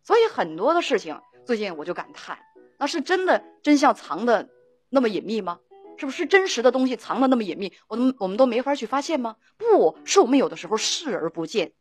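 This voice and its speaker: A woman's voice: fairly high pitch, big pitch swings, a little fast, husky, soft background music. A middle-aged woman hosting an emotional talk show, telling stories and acting out both sides of each conversation with repeated words and laughs. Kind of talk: storytelling talk-show monologue.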